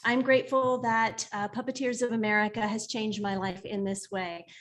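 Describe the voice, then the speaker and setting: A woman's voice: mid-range voice, flat delivery, normal speed. A woman hosting an online membership meeting over a video call, upbeat and cheerful as she welcomes everyone. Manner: upbeat, cheerful emcee, counting down. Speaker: board president hosting meeting.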